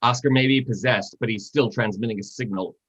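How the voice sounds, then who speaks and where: A man's voice: lowish voice, brisk, fairly bright tone, slightly rough. Lo-fi man narrating stage directions. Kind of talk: reading screenplay stage directions. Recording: dull lo-fi sound.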